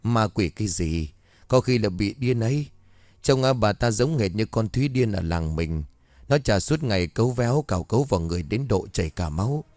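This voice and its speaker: A man's voice: fairly low pitch, expressive, brisk, a little mellow, dry recording, natural voice. A man voicing frightened household servants gossiping behind a door in a ghost story. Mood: gossipy. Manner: gossipy, whispering behind doors.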